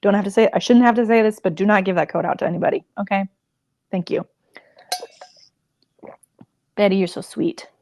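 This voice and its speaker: A woman's voice: medium pitch, a little fast, pauses often, a little mellow, a little hiss or hum. A woman crochet designer chatting casually on a livestream, rambling and emotional with many fillers.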